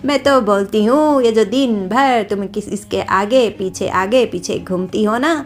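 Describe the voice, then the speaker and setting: A woman voicing a sharp-tongued, scornful old grandmother-in-law in a cartoon story, muttering slow mockery. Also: mid-range voice, lightly acted. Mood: mocking scorn. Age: older.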